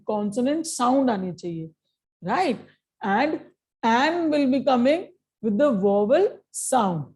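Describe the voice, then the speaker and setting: A woman whose voice is on the high side and warm leads a grammar lesson aimed at exam prep. She moves step by step through the points, combining Hindi and English, and often checks in with quick questions.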